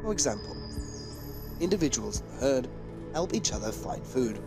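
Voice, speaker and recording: A man's voice: mid-range voice, big pitch swings, moderate pace, creaky. Male wildlife documentary narrator over music.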